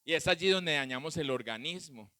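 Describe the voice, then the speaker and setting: High-pitched bright-voiced man preaching. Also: fairly quick, no room sound. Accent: Colombian Spanish. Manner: animated preaching with sudden shouts and soft asides. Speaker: pastor. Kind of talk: sermon.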